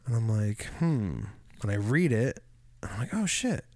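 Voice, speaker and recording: A man co-hosting a casual chat, telling stories in a rambling, animated way, with swearing and mimicked voices. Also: lowish voice, normal speed, dry recording, clean studio sound. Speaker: podcast co-host.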